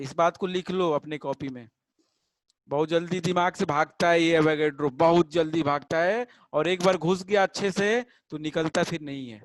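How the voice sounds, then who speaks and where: A man teaching a chemistry class with a fairly high voice. He is patient, often stops to ask whether the students follow, and stretches English terms out slowly. The sound is close and dry, with no room echo. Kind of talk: classroom lecture.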